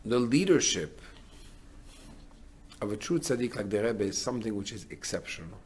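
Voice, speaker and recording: A man's voice: fairly low pitch, expressive, moderate pace, slight background noise. A middle-aged man, a rabbi, giving a sermon in an earnest way, building to emphatic declarations.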